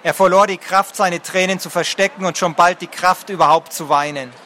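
A man reading a fantasy novel aloud as narrator, in a measured and expressive way. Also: high-pitched, a little hiss or hum. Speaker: audiobook narrator.

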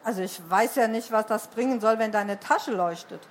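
Storybook magic girl, unbothered and matter-of-fact, read by a woman; soft ambience behind. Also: a little high, normal speed, slight background noise, close to an everyday voice. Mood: offhand.

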